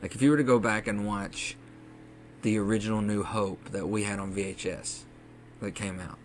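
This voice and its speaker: A man's voice: fairly low pitch, fairly even intonation, normal speed, a little hiss or hum. A man co-hosting a casual podcast, chatting enthusiastically and acting out quotes. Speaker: podcast co-host. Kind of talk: casual chat.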